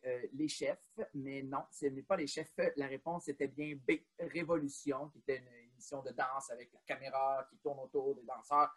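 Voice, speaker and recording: Chatty co-host with husky voice. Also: male voice, a little high, sharp tone. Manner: counts down, chatty with many fillers. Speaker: quiz co-host. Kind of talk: casual quiz co-hosting.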